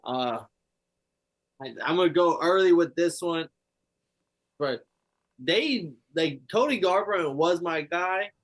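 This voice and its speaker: A man hosting a relaxed fight-picks podcast, his voice a little higher than most men's. He talks in excited, rambling bursts, throwing in curse words as he goes. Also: takes it slowly, pauses often. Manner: excited, rambling, swears freely. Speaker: podcast host. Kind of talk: casual sports chat.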